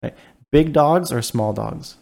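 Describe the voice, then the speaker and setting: A man's voice: medium pitch, slow, creaky, a little mellow. A man co-hosting a podcast in casual chat, hesitant and full of filler words. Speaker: podcast co-host.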